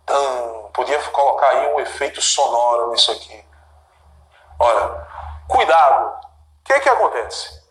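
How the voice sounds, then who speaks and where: A man's voice: medium pitch, lively intonation, measured pace, pauses often, fairly bright tone, roomy sound, low-quality recording. A man with a Brazilian Portuguese accent teaching grammar in a video lesson, talking to viewers and repeating key terms.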